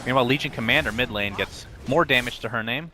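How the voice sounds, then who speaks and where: A man of middle pitch calls the action of a video game match and teases his partner between plays. A clear background noise runs under his voice on the broadcast. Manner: quick play-by-play, teasing banter. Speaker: esports play-by-play commentator. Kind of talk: game commentary. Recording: noisy broadcast audio.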